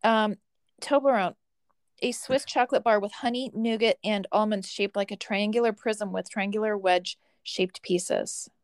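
A woman's voice: mid-range voice, fairly even intonation, normal speed, no room sound, clean studio sound. A woman co-hosting a podcast in casual chat, easygoing and matter-of-fact. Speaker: podcast co-host.

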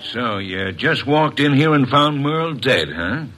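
Tough police inspector, lowish voice, hard forceful edge, lively swings, blunt, sardonic, vintage radio mystery. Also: male voice, measured pace, soft background music. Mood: probing. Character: gruff, sardonic male police homicide inspector, impatient and blunt. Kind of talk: 1950s radio detective drama acting.

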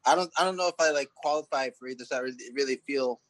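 A man's voice: mid-range voice, very fast, a bit bright, no room sound. A man in his late thirties from San Diego, chatting as a guest on a podcast. He rambles loosely, with lots of "uh" and "like" and false starts. His voice sits in a middle register, and the recording is dry and close, with no room sound. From San Diego, California. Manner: rambling, many fillers and restarts. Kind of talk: casual interview chat.

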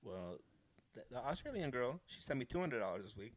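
A man's voice: mid-range voice, big pitch swings, fairly quick. Laid-back man bantering crudely. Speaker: podcast co-host. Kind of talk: casual chat.

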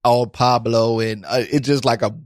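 A man chatting as an improv comedy guest and playing along in scenes, with a laid-back, deadpan delivery. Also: mid-range voice, moderate pace, dry recording. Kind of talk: casual chat and improv scene.

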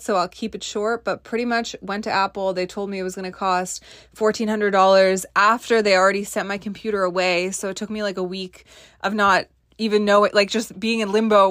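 Woman ranting on a low-quality phone recording. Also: fairly bright tone, no room sound, studio quality. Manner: blunt, profane, rambling storytelling. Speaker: podcast host. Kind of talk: casual ranting monologue. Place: small closet.

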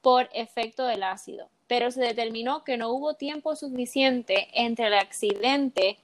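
A woman's voice: fairly high pitch, moderate pace. A young woman casually telling a true-crime case in a chat podcast, slipping English words into her Spanish.

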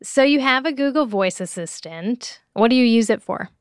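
A woman's voice: a little high, animated, moderate pace, clear, resonant tone, dry recording, studio quality. A woman host interviewing a listener in a casual, curious way.

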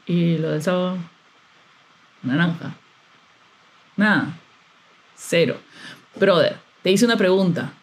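A woman's voice: fairly low pitch, takes it slowly, long pauses. A young woman, hosting a podcast as a casual, exasperated monologue with frequent laughter. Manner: chatty, exasperated, laughs often. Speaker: podcast host.

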